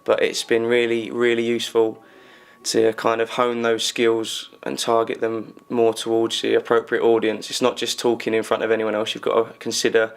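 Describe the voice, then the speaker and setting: A man in his twenties, an animator, answering interview questions in a steady, even way. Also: on the low side, vocal fry. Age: 20s.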